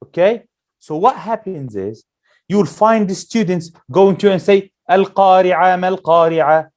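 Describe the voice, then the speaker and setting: A male Quran teacher leading a classroom lesson, slowly drilling letter sounds and asking the class questions. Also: high-pitched, animated, darkish tone.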